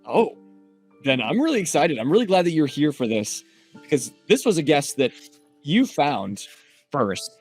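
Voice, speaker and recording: A man's voice: on the high side, sing-song, normal speed, slightly rough, faint music behind. A man hosting a podcast in casual chat, chatty and upbeat as he hypes up a guest. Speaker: podcast host.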